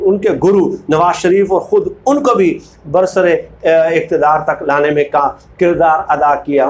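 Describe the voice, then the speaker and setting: A Pakistani-accented man with a voice on the high side and a little mellow presents informal political commentary. He reads book excerpts aloud and speaks with emphasis, often repeating phrases.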